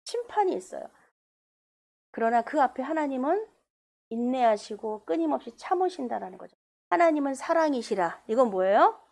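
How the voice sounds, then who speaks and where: Woman pastor, high and very expressive, preaching in a church, loud bursts and hushed asides. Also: moderate pace, creaky. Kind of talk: sermon. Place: church sanctuary.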